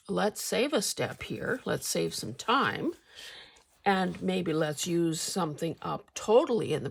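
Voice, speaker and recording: An older woman hosting a casual craft vlog, speaking haltingly with a husky, gravelly voice, slightly mouth-full as if sucking a candy. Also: on the low side. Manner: halting, hesitant delivery with pauses. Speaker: craft channel host.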